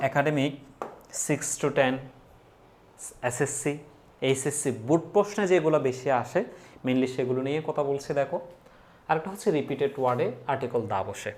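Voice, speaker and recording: A man, teaching an English grammar lesson to exam students. He asks questions and answers them himself, and slows down to list example words one by one. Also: fairly high pitch. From Bangladesh.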